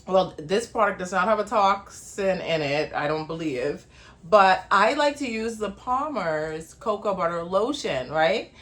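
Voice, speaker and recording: A chatty woman with a lilt hosts her own show. She talks loosely and often laughs, dropping quick asides as she goes. Her pitch sits right in the middle. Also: expressive, a bit bright. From Bahamas. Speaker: host. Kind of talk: casual talk-show monologue.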